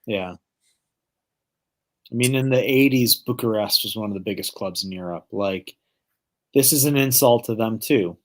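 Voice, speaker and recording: A man's voice: lowish voice, normal speed, long pauses. A man from the Detroit area co-hosting a live football fan show. He talks casually, hedges his points, swears and fills gaps with "like.". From Detroit area, United States. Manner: casual, hedging, swears, many fillers like "like". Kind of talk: casual live-stream chat.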